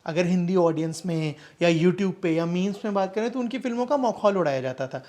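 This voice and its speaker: A woman's voice: fairly low pitch, brisk, mellow. A woman interviewer who asks long, carefully framed questions and answers with short affirmations.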